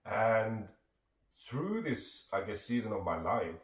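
A Sri man with a low, deep voice speaks as a guest, earnest and reflective. He sounds set back from the microphone, and the room around him is echoey. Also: big pitch swings, slow pace. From Sri Lanka. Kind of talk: reflective conversation. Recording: echoey room, distant mic.

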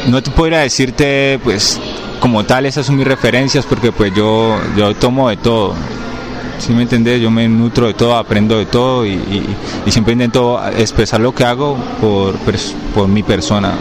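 With a steady, medium-pitched voice heard over music, a young man from Cali, Colombia, answers a casual interview in his Cali accent. The rapper speaks haltingly with lots of fillers and restarts, often asking "me entendés?". Street noise and passing vehicles are also audible.

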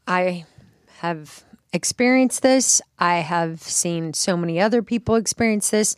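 A middle-aged woman co-hosting a self-care podcast, talking earnestly and reflectively in a relaxed chat. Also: lowish voice, clear, resonant tone, no room sound, clean studio sound. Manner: earnest, reflective, with drawn-out phrasing. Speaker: podcast co-host. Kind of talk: casual chat. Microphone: studio microphone.

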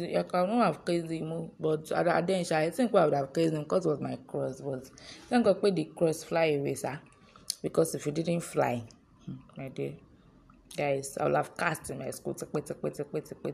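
A young Nigerian-accented woman talks casually to her viewers, her fairly low voice full of gravelly fry and a husky, breathy grain. She chats in a giggly, loose way and drops local slang as she goes. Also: dark tone. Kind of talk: casual storytelling vlog.

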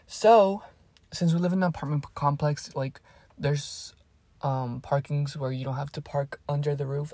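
A woman's voice: deep voice, gravelly, warm tone, breathy edge, no room sound. A teenage girl telling stories to camera in a casual vlog, rambling and swearing freely with plenty of asides. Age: teens. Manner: rambling and profane, with fillers and asides. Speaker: vlogger.

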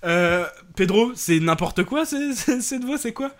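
A man's voice: high voice, lively intonation, unhurried. A young man hosting a live stream talk show, hesitant, thanking viewers and laughing between remarks. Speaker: host.

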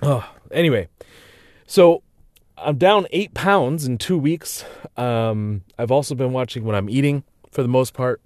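A man's voice: mid-range voice, measured pace, a little mellow, no room sound, clean studio sound. A man talking casually to his viewers in a rambling, reflective way, tired and hiccuping, with many fillers and restarts. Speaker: vlogger. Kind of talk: casual personal monologue.

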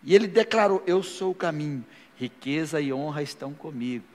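A male pastor with a fairly high, lively voice preaches a sermon a little fast before a live congregation in a church hall, then leads a prayer, building to fervent declarations. Long hall reverb and faint music can be heard.

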